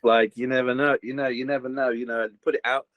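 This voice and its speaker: A man's voice: mid-range voice, fast, no room sound, highs cut off. A voice actor, a man, chatting in an interview with lots of "you know" fillers and restarts. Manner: animated, many fillers and restarts. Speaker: voice actor guest. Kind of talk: casual interview chat. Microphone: home recording booth.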